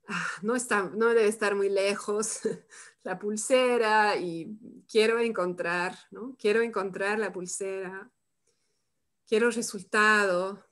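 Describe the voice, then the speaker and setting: A woman leading a live workshop, who talks calmly and reflectively and tags her phrases with "¿no?". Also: mid-range voice. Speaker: workshop facilitator. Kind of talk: live online workshop demonstration.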